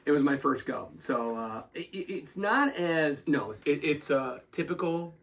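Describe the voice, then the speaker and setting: A man's voice: on the high side, expressive, measured pace, fairly bright tone. A man co-hosting a casual pizza review podcast, often stammering and restarting his sentences.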